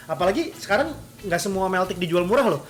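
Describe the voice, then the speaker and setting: A young man with a Jakarta accent hosts a casual cooking chat, full of slang and playful teasing. His voice sits at a fairly average pitch, with music behind him and a pan sizzling. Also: lively intonation, fast talker. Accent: Jakarta Indonesian. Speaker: food vlog host.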